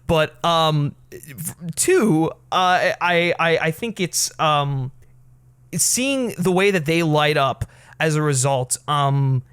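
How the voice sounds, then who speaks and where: A man co-hosting a casual film talk, halting and restarting often as he gently disagrees. His voice is a touch high. The recording is close and dry, with no room sound. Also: expressive, clear, resonant tone, dry recording. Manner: hesitant, many restarts and fillers, mildly argues back. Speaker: film podcast co-host.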